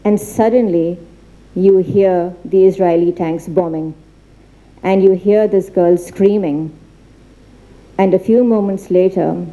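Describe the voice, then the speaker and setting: Woman seminar speaker, low and very dark voice, earnest, hesitant delivery with many restarts. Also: fairly even intonation, poor audio. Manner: earnest, halting with frequent fillers and restarts. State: becoming emotional. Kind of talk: formal seminar talk with slides. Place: institute library.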